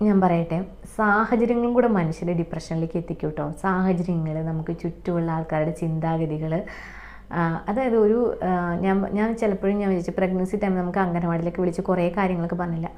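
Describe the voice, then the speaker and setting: A woman's voice: on the low side, a little mellow. A young woman speaking, telling her own story as a mother in an earnest, emotional way, with many restarts and repeated phrases. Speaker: mother sharing her experience. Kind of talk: personal testimony, casual monologue.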